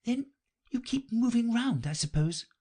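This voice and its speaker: A man's voice: very high-pitched, lively intonation, a little slow, warm tone, pitched above the performer's own voice, exaggerated voice. A man voicing a polite, curious young girl in a storybook reading. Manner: careful, earnest questioning.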